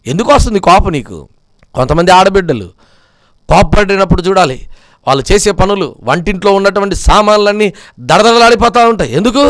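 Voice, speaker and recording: A man preaches with fervor, his voice sitting high for a man. He presses his point with repeated questions that climb and grow loud, then sinks into soft, low remarks to his listeners. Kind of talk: sermon.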